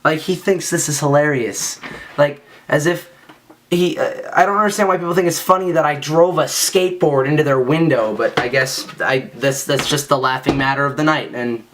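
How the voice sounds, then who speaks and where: A man's voice: on the high side, normal speed, fairly bright tone, slight background noise. A young man telling a story in casual speech, rambling and self-mocking, with lots of fillers. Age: young adult. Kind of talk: casual spoken anecdote.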